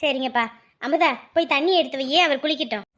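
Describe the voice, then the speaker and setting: Actress as fussing elder sister-in-law, high bright voice, bustling and chatty. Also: female voice, fast. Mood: busy. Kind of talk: web drama acting.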